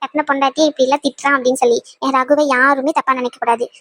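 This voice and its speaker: A woman's voice: high voice, steady tone, fairly bright tone. A woman voicing a young wife in a cartoon who scolds her husband in a hurt, indignant way. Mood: reproachful. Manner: reproachful, rapid and indignant. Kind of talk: cartoon voice acting.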